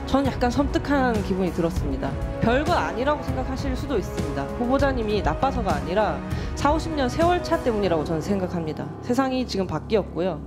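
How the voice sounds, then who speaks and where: Pointed, lively-voiced woman lawmaker in her thirties. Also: fairly high pitch, loud music behind the voice. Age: 30s. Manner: measured, pointed and direct. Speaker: lawmaker questioning a nominee. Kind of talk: formal hearing questioning. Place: parliamentary hearing room.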